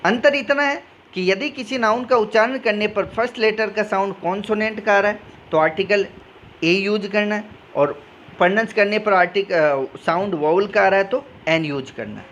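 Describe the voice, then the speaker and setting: A man's voice: high voice, moderate pace, a bit bright, lo-fi sound, slight background noise. A male teacher with a Rajasthani Hindi accent giving a grammar lesson, explaining step by step and answering his own questions. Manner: switches between reading English rules and explaining in Hindi.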